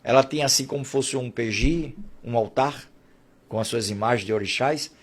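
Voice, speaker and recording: A man's voice: mid-range voice, normal speed, breathy edge. A man telling a fervent religious testimony, quoting prayers and family members as he goes. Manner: fervent storytelling with quoted prayers. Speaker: testimony speaker.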